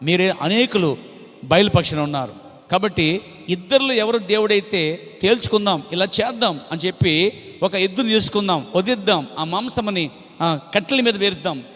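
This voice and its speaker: A man's voice: high voice, animated, normal speed, fairly bright tone. A man preaching a sermon, with emphatic repetition and frequent praise interjections. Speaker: pastor. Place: church hall. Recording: long hall reverb.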